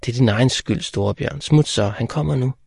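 A man's voice: mid-range voice, vocal fry, darkish tone, breathy edge, no echo, studio quality, pitched above the performer's own voice. A man reading an audiobook, voicing a teasing, bossy young girl in a raised voice. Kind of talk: audiobook character voice.

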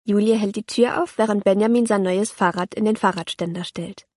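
A woman, reading a children's audiobook aloud in a calm, clear storytelling voice. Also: medium pitch, fairly quick, dry recording, studio quality. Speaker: narrator.

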